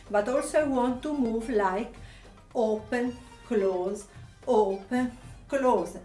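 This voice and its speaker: Slow-spoken Italian woman teaching dance. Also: fairly high pitch. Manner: calls out counts and step cues while dancing. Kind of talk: dance lesson instruction. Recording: echoey room, distant mic, faint music.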